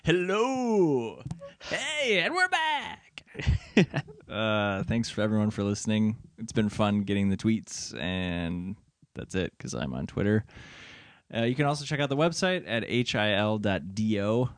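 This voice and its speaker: A man with a fairly low voice hosts a podcast in relaxed, joking chat, and his pitch jumps around a lot as he talks. He laughs often and sounds close to the mic in a dry, dead room. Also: normal speed, dry recording. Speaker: podcast host. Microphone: studio microphone with headphones.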